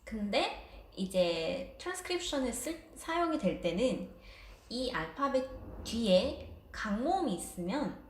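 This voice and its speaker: A woman's voice: on the high side, very animated, measured pace, reverberant, a little hiss or hum. A woman teaching a casual online language lesson, explaining patiently with light laughs.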